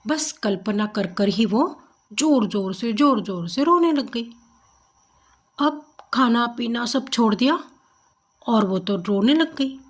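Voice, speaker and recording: A woman storyteller narrating a comic folk tale in an expressive, conversational way. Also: fairly high pitch, slow.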